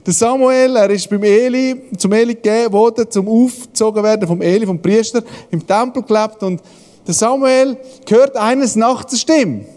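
A man's voice: high-pitched, normal speed, darkish tone, long reverb tail. A man giving a casual devotional talk as a pastor, telling everyday stories with frequent chuckles. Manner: storytelling, chuckling often, acts out voices.

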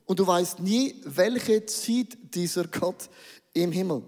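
An emphatic male preacher in full sermon mode, rallying his audience and tossing in English catchphrases. His voice sits very high for a man. The sound rings with the long reverb of a large hall. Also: slow, a little mellow. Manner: emphatic, rousing, calls for the audience to answer.

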